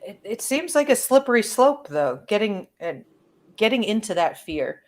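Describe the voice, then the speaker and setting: A woman's voice: medium pitch, very animated, normal speed, a little mellow. A woman speaking earnestly and emphatically, sharing personal views in a casual, reflective discussion.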